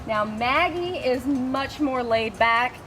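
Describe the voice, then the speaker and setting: A woman's voice: high voice, lively intonation, slow pace, a bit bright, faint music behind, low-quality recording. A cheery, enthusiastic woman working as a zookeeper, explaining things casually to visitors. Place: outdoors at an animal habitat. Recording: clear outdoor ambient noise.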